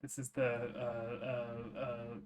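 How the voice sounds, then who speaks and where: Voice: medium pitch, completely flat delivery, slow, a little mellow, slight background noise. A streamer chatting and joking casually while starting a game stream. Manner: joking, teasing. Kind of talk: casual chat while gaming.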